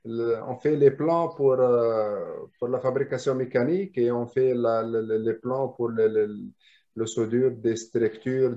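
A man with a mid-range, dark voice, whose first language is Arabic, is a draftsman guest explaining his work in a casual video call discussion. He often restarts and repeats words, and the call audio is muffled and lo-fi.

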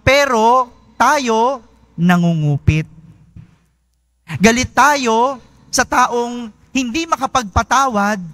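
A priest gives a homily in a high, light voice. He talks slowly and chats with his congregation, often tossing them a quick question. The sound is dry and close. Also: fairly bright tone, no room sound. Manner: conversational, asks listeners "no?" often.

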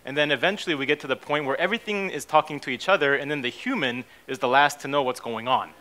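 A man's voice: mid-range voice, animated, fast, pushed and bright. A man, giving a casual conference talk on stage, full of fillers and "okay?" and "right?" checks. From born in Japan, raised in the United States. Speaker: keynote speaker, company CEO. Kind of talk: conference presentation. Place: conference stage in a hotel hall.

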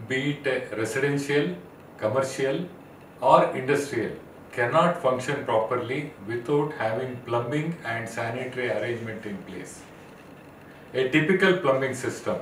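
A middle-aged man with an Indian English accent, presenting a scripted technical lesson in a measured, list-like way. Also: medium pitch, a bit bright, slight background noise. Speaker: plumbing expert presenter. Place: studio set, indoors. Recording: roomy echo, mic at a distance, faint ambience.

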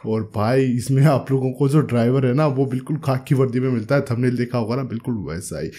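Talking fast in a mellow, medium-pitched voice with a steady tone, a man hosts a gaming video. His gameplay commentary is casual and chatty, full of jokes, and he addresses viewers as "bro." The setting is a small indoor studio, where he's close on a desk microphone and has a headset on.

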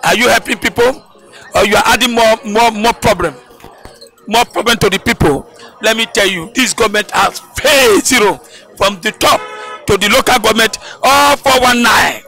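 A man's voice: high-pitched, normal speed, soft background music. A middle-aged Nigerian man giving an impassioned street interview, gesturing and raising his voice outdoors on a busy road. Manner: heated, gesturing, rising to shouts. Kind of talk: vox pop street interview. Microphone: handheld mic held by interviewer.

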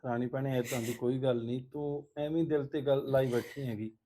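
A man's voice: mid-range voice, fairly even intonation, a little fast, mellow, lightly acted. Actor doing a defensive, begging punjabi man in a village drama. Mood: pleading. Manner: pleading, placating. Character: pleading middle-aged village man, defensive. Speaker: actor playing a family friend. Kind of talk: village web series drama.

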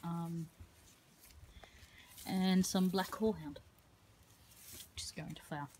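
A woman's voice: fairly low pitch, fairly even intonation, slow pace, a little mellow, a little hiss or hum, low-quality recording. A woman, a herbalist giving a casual tour of her outdoor garden, talking into a handheld phone in a rambling way with frequent ums.

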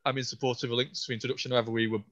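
A scientist hosting an online Q&A, answering questions haltingly with many restarts while losing his voice a little. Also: medium pitch, level tone, fairly bright tone, muffled recording. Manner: halting, with frequent restarts and fillers. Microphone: video call.

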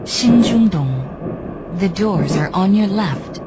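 A woman making a slow, deliberate, formal recorded train station announcement as a subway announcer. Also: mid-range voice, lively intonation. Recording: announcement under loud train noise.

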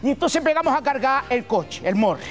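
High-pitched Canarian storyteller, older man. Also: fairly quick, faint music behind. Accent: Canarian Spanish. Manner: folksy, colloquial, animated. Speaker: humorist. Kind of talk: comic storytelling. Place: TV gala stage.

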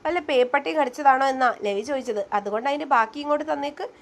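A woman's voice: sits high, fast talker, gravelly. A woman voicing a teasing, playful young husband in a spoken story, with bantering, mock-stern lines.

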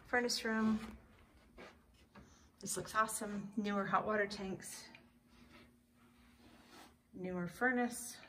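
A woman's voice: mid-range voice, steady tone, slow, pauses often, pushed and bright, a little hiss or hum. A middle-aged woman real estate agent walks through an empty house with a phone camera, chatting enthusiastically to her clients. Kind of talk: casual home walkthrough tour. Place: empty house, then outdoors in a yard and driveway. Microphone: phone camera held while walking.

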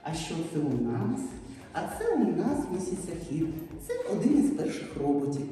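A woman preschool teacher leading a children's syllable lesson, speaking slowly in an encouraging, sing-song way. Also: fairly low pitch, big pitch swings. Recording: echoey hall, distant mic, soft music.

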